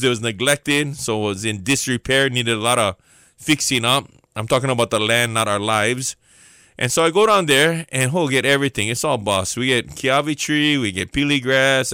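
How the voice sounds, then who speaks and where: A man preaching with a thick Hawaiian Pidgin accent, his bright, fairly high voice swinging up and down as he tells a homespun story. He keeps turning to his listeners with questions. The sound is close and dry. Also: dry recording. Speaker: pastor. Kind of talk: storytelling sermon to a listening audience.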